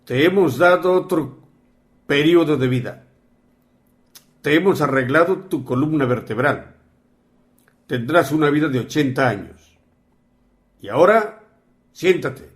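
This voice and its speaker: A man voicing a stern spiritual master in his own story, giving forceful, imperious commands. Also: on the high side, animated, measured pace, pauses often. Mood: commanding.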